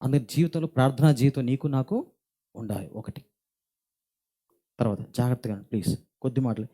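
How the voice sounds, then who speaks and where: A middle-aged man from India, preaching a church sermon in an earnest, deliberate way that builds in intensity. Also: mid-range voice, warm tone. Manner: earnest, speaks slowly and deliberately, rising in intensity. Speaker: pastor. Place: church hall.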